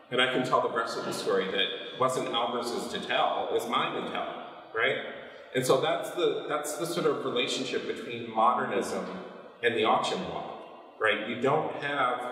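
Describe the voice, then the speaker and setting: A man's voice: mid-range voice, bright, forceful tone. A middle-aged man, a painter, talking reflectively about his work in an interview and often checking in with "right?". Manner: thoughtful, often ends points with "right?". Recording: roomy, echoey, from a distance.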